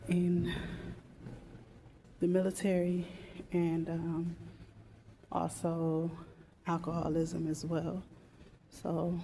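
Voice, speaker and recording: Casting: candid female walk-and-talk vlogger, unhurried and halting, casual delivery, noisy outdoor street recording. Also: on the low side, gravelly, dark tone. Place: outdoors, walking.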